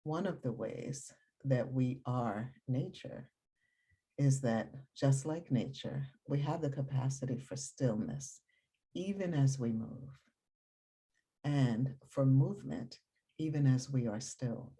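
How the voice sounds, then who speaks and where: A woman guides a meditation, calm and soothing, never hurrying and leaving long pauses. Her voice is soft and breathy, with an extremely low pitch.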